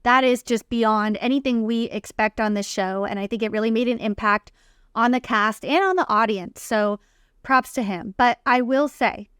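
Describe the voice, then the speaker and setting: A woman's voice: mid-range voice, a bit bright, clean tone, no echo, studio quality. A woman co-hosting a reality TV recap with casual, opinionated commentary in informal, slangy phrasing. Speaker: podcast co-host recapping reality TV.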